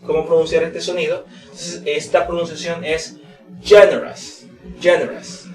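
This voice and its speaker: Man teaching, echoey and distant. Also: on the high side. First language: Spanish. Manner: slow, drawn-out model words repeated for stress. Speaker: English teacher. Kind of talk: pronunciation lesson at a whiteboard.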